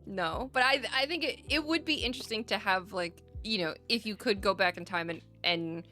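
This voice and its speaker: A woman with a bright, forceful voice talks casually in a podcast chat. She rambles, laughs often and tags her points with questions. Faint music plays behind her. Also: mid-range voice, normal speed. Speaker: podcast co-host.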